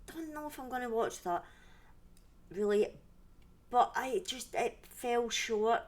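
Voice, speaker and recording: Speaking slowly in a fairly high, animated voice, a woman with a Scottish accent rambles conversationally through her home livestream, interrupting herself and starting sentences over as she tells her stories.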